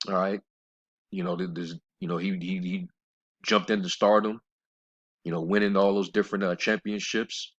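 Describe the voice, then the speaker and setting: A man giving informal scripture commentary in a blunt, scornful way, rambling with fillers and slowing down to read verses. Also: low-pitched, level tone, a bit bright. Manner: rambling, with many fillers and restarts; reads scripture in a slower, measured cadence. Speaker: religious commentator. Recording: dull lo-fi recording.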